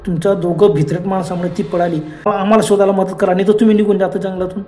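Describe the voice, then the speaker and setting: A man's voice: sits high, little pitch movement, fast talker, dark tone, natural voice. A man voicing brash young men in a spoken horror story, teasing their scared friends and urging them on. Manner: teasing, reassuring, insistent.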